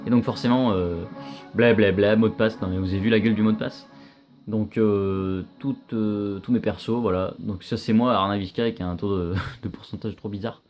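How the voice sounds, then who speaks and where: A young man giving casual, chatty commentary while playing a video game, reacting loudly and swearing often. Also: on the low side, steady tone, normal speed, soft background music.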